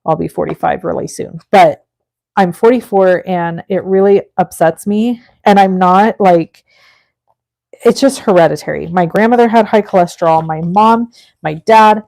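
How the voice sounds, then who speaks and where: A woman's voice: lowish voice, moderate pace, creaky, a little mellow. Chatty woman in her forties crafting. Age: 40s. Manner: chatty, thinks aloud and talks to viewers. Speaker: craft live-stream host. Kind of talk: casual chat while crafting.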